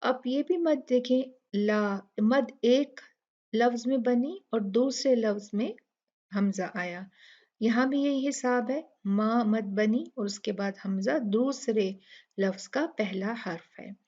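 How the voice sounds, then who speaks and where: A woman's voice: fairly high pitch, takes it slowly, darkish tone, lo-fi sound. A woman teaching Quran recitation rules, patiently explaining each word and demonstrating it aloud. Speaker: tajweed teacher. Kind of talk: step-by-step recitation lesson.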